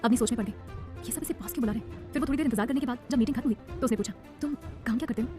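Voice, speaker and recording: A woman narrating a romance audiobook in a rapid, dramatic storytelling style. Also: on the high side, mellow, soft background music.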